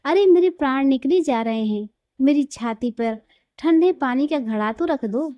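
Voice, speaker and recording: Devout old woman, frail and pleading, read by a woman narrator, soft mellow tone, dry sound. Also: high voice, animated, unhurried, dry recording, highs cut off. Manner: pleading and earnest.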